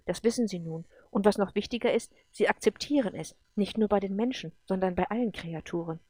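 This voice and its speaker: Woman reading a wise guardian spirit, female, calm and consoling, dry close sound. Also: mid-range voice, fairly quick, no echo, close to an everyday voice. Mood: gentle solemn.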